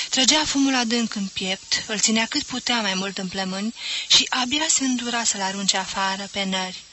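Bright-voiced woman reading a novel. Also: fairly high pitch, a little hiss or hum, low-quality recording. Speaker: audiobook reader. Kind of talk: literary audiobook narration.

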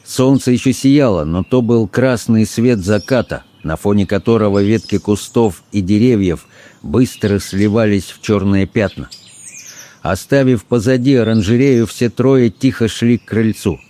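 A male narrator reads a story aloud in a measured, unhurried way. His voice is on the low side and dark and mellow in tone. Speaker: audiobook narrator. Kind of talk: scripted narration.

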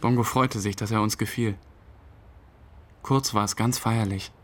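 In this radio play, a man with a lowish, slightly bright voice narrates at a measured pace with fairly even intonation. He's an actor playing a subdued, hesitant man recalling a friend's burial in plain, short past-tense sentences, like a dramatic monologue delivered interview-style. The mood is reflective and subdued, with faint rain and ambient noise in the background.

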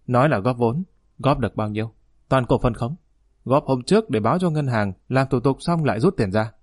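A man's voice: mid-range voice, animated, brisk, dry recording, studio quality, natural voice. A man reading as an angry aging father. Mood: scolding. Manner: harsh, scolding, loud. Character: stern aging father scolding his grown son. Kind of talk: audiobook narration.

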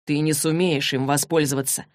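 Audiobook character voice, woman doing a young man, calm, self-assured, slow, lowish voice. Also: dry recording, studio quality, lightly acted. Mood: cool, unbothered. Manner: calm, slow, slightly lowered delivery.

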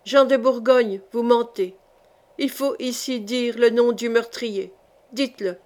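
A woman's voice: a little high, steady tone, measured pace, a little mellow, close to an everyday voice. A woman voicing a relentless medieval noblewoman in an audiobook, giving cold, insistent commands. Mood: stern. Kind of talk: audiobook reading.

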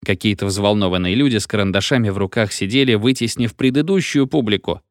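A man narrating a humorous story as an audiobook, reading in an animated way that plays up the comic scenes. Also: lowish voice, quick pace, no echo, studio quality.

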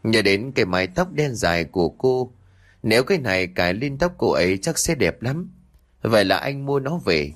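Low-voiced man narrating ghost stories. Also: sing-song, normal speed. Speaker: storyteller.

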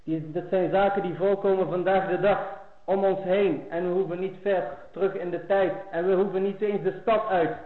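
A man's voice: high voice, fairly even intonation, normal speed. A man giving an earnest Islamic lecture to his brothers and sisters, rising in force on key phrases. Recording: echoey phone-like lo-fi recording.

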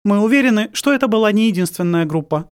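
Brisk determined young woman, as a man voices her. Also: high voice, lively intonation, clean tone, pitched above the performer's own voice. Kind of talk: audiobook character voice.

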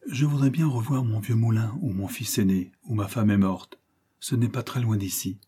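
A man doing a gentle old miller. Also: lowish voice, normal speed, slightly rough. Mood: wistful. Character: poor old male miller, gentle and wistful. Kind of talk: audiobook character reading.

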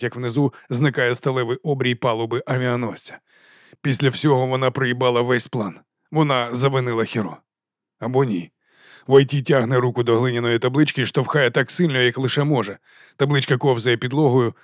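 A man narrating an audiobook in an even, measured way. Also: medium pitch, no room sound, clean studio sound.

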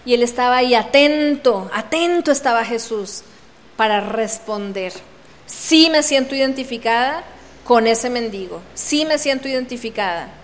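A woman's voice: on the high side, animated, normal speed, slight background noise. A woman giving a devotional talk at a women's retreat, reading scripture aloud and acting out the voices in the story with drama. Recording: reverberant hall.

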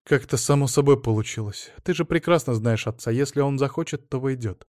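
A man's voice: mid-range voice, expressive, moderate pace, no echo, studio quality, natural voice. A man voicing a proud, fed-up divorced middle-aged woman who speaks firmly and sharply, in an audiobook. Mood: tired. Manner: sharp, firm.

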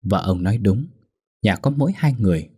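A man narrating a ghost story in a steady, suspenseful way. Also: fairly low pitch, brisk, husky, no room sound, studio quality.

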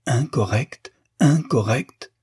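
A man's voice: on the low side, moderate pace, mellow, husky, no room sound, clean studio sound. A man voicing a stern, wrathful older male lawyer who hammers out his indignant words. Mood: furious.

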